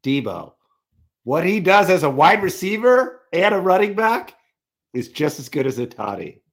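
A man's voice: high voice, very animated, moderate pace, vocal fry, a bit bright. A man co-hosting a podcast, joking and trading sports takes casually. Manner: joking, teasing banter. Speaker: podcast co-host.

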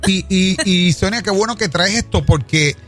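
Reflective male co-host on a faith talk show, high-pitched, music faintly underneath. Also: normal speed, a bit bright.

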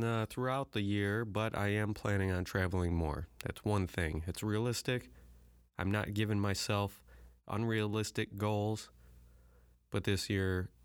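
Man, podcast host, profane rambling monologue, low voice, smooth clear tone. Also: dry recording, studio quality. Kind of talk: casual solo podcast monologue.

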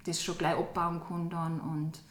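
A woman chatting casually as a podcast co-host, often agreeing and pausing to search for words. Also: on the low side, little pitch movement. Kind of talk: casual chat. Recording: roomy echo.

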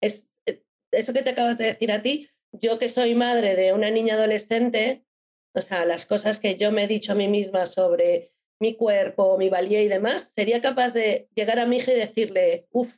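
A woman's voice: medium pitch, steady tone, moderate pace, darkish tone. A middle-aged woman in a casual conversation, explaining ideas through examples and briefly voicing an inner critical voice. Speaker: guest speaker.

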